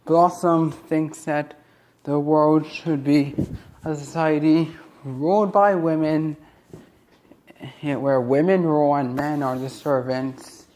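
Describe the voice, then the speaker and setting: A man's voice: on the high side, fairly even intonation, darkish tone. Male cartoon reviewer, casual rant, rambling, lots of restarts. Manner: rambling, with many restarts and quick asides.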